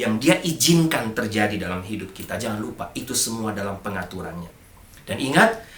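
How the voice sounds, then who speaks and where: Speaking with a fairly low, bright, forceful voice, a middle-aged man preaches as pastor in a church hall full of echo. He is emphatic and frequently addresses the congregation directly.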